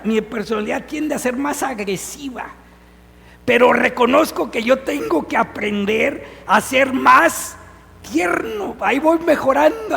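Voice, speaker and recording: A man's voice: very high-pitched, creaky, fairly bright tone. A man giving a Sunday homily as a priest, earnest and putting questions directly to the congregation. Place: church. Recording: long church reverb.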